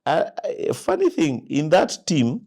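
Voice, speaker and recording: Animated Kenyan man telling stories. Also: on the high side, measured pace, vocal fry. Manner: animated storyteller who acts out quoted dialogue and laughs loudly. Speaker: guest, company founder. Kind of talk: storytelling interview.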